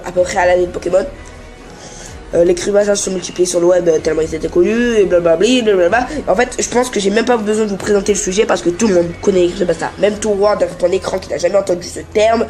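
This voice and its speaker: A man's voice: high-pitched, dark tone. Rambling, joking teenage guy vlogging. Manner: rambling, joking, full of fillers and restarts. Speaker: YouTuber. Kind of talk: casual vlog chat.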